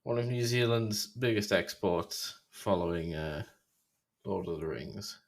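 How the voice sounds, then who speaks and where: A man's voice: sits low, unhurried, creaky. A British man with slightly slurred speech, chatting casually and drily as a podcast co-host.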